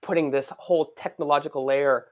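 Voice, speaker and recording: Male podcast host, slightly high voice, eager and excitable interviewer. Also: fairly quick. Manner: enthusiastic, excitable questioner.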